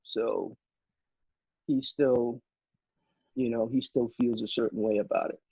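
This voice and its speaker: A retired army officer telling a story in casual interview talk, with many fillers and restarts. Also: male voice, mid-range voice, fairly even intonation, takes it slowly, creaky, dark tone, breathy edge, no echo, highs cut off.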